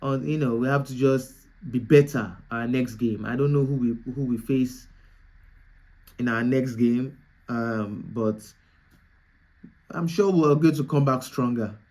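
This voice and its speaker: A man's voice: medium pitch, unhurried, a little mellow. A young man hosting a football reaction video, talking casually and repeating his points for emphasis. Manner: repetitive, emphatic, restarts phrases. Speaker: football channel host.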